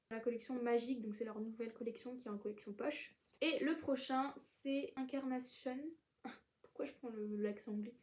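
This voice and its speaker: A woman's voice: on the high side, mellow. An eighteen-year-old woman from France chatting casually about her book purchases, rambling with fillers and restarts. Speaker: book vlogger. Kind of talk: casual book haul chat.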